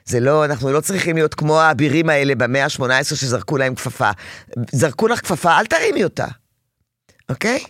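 A woman giving parenting advice to a caller on a radio call-in show, animated and acting out children's pleading voices. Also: sits low, dry recording, studio quality. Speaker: parenting advisor.

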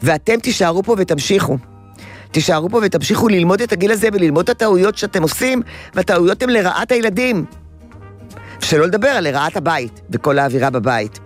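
Animated older woman radio advice host. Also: lowish voice, faint music behind. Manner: animated, explanatory, acts out children's voices. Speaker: radio call-in host and child therapist. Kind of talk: call-in radio advice talk. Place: radio studio.

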